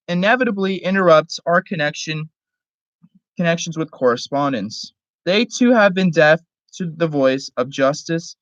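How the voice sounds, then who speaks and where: Very slow, solemn reading, dull lo-fi sound. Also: medium pitch, a bit bright, no room sound. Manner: halting, stumbles over words and rereads them. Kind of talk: solemn reading aloud of a formal historical document. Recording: dull lo-fi recording.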